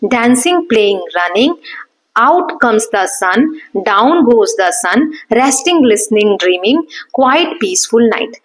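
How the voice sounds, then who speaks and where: A woman teaches a school lesson with an Indian accent. Her voice sits a little high. She goes slowly through each rule, repeats it, and keeps checking that the students follow. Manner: patient and repetitive, checks in with "है ना". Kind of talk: explaining a textbook lesson in Hindi mixed with English.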